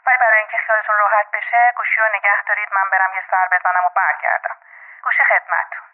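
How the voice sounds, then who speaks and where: A man voicing a calm, polite hospital nurse speaking quickly and reassuringly in an audiobook drama. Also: sits high, voice pushed up, lightly acted. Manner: brisk, reassuring. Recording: tinny phone line.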